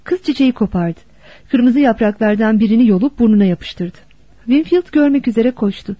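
A woman narrating a novel as an audiobook in a steady, expressive storytelling manner. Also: on the high side, moderate pace, slightly rough, dry recording. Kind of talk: scripted narration. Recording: dull dry lo-fi recording.

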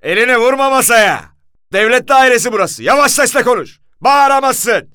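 A man voicing a gruff, burly, short-tempered male police commissioner who barks orders and shouts. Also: medium pitch, fast, no echo, clean studio sound, lightly acted. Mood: shouting.

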